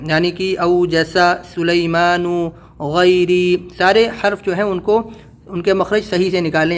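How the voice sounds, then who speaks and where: Guy with a highish voice teaching quran reading, stretches every syllable, patient explainer. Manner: slow, drawn-out syllable-by-syllable spelling. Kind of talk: spelling-out recitation lesson.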